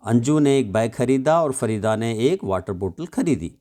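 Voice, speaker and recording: A male teacher gives an English lesson to young children, explaining in Hindi. He talks slowly and patiently, spelling each word letter by letter. His voice sits at an ordinary middle pitch. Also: expressive, mellow. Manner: slow, patient explaining with frequent check questions.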